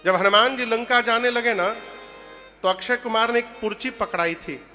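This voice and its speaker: A man, telling devotional stories with jokes, animated and bursting into loud chants. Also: very high-pitched, moderate pace, faint music behind. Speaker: religious storyteller. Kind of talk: humorous devotional storytelling.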